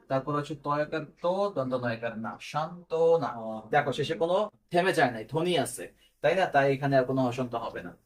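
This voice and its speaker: Man teaching step by step. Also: a little high. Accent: Bangladeshi Bengali. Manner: explains step by step, asks students questions and answers them. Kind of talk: classroom lesson on pronunciation.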